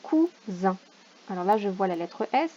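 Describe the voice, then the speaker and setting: A primary school teacher, a woman, going over a homework correction for parents, sounding out each word slowly syllable by syllable. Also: medium pitch, warm tone, lo-fi sound. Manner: slow, deliberate, sounds out words syllable by syllable.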